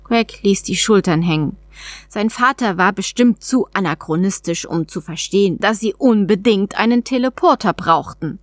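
A woman reading a children's story aloud in a calm, even way. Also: mid-range voice, normal speed, no room sound, clean studio sound. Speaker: narrator. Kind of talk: audiobook narration.

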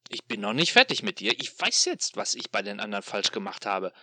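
A man voicing a sadistic, mocking male machine demon in an audio drama, taunting in a drawn-out, sing-song way. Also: lowish voice, wildly swooping pitch, bright, forceful tone, no echo, exaggerated voice.

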